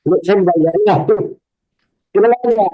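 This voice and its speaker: A man's voice: high-pitched, moderate pace, mellow. A male religious teacher explaining things with frequent hesitations, heard over a bad video-call connection that keeps breaking up. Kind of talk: online teaching talk. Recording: dull lo-fi call audio.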